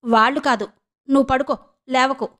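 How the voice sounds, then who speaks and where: A woman's voice: sits high, fairly even intonation, normal speed, a bit bright. A woman voicing a hot-tempered young wife who scolds and demands. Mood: angry.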